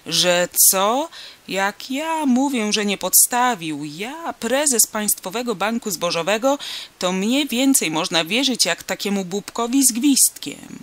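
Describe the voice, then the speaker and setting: A man's voice: high voice, sing-song, measured pace, vocal fry, voice pushed up, heavily acted. A narrator voicing Nikodem Dyzma, a crude, boastful man who bellows at everyone, in an audiobook. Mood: furious shouting. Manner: shouting, coarse, boastful. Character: brash loud-mouthed middle-aged man, crude bank president. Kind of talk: audiobook character voice.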